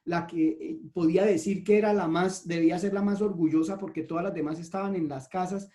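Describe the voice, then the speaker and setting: A man's voice: high voice, fairly even intonation, a little fast, mellow, close to an everyday voice. A man voicing a dying old king who laments his own blindness, told within a sermon. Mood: regretful. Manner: lamenting, self-reproaching.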